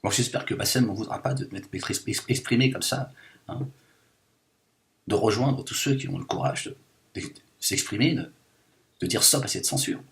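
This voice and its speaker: In a medium-pitched, slightly bright voice that is lightly acted, a man speaks at normal speed with long pauses while playing a self-declared liberated woman. The satirical monologue is an indignant, rambling rant full of fillers and mock outrage.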